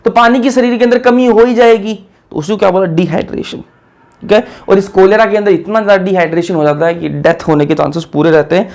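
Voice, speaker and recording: A man's voice: high voice, fairly even intonation, fast talker, vocal fry, darkish tone. A young man giving a casual lecture, chatty, asking his students questions and answering them himself. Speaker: teacher.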